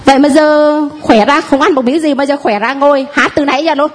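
A woman's voice: high-pitched, steady tone, brisk. A woman telling the priest and congregation about healings, speaking hesitantly with many fillers. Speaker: congregant giving testimony. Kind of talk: spoken testimony.

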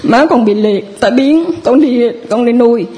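A woman with a southern Vietnamese accent, a parishioner giving a personal testimony in a halting, rambling way with many restarts. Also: on the high side, mellow.

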